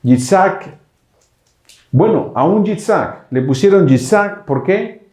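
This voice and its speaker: Mellow-voiced man teaching in an echoey room. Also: sits high, lively intonation, slow. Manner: explanatory, checks understanding with frequent rhetorical questions. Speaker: congregation teacher. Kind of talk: bilingual Bible teaching.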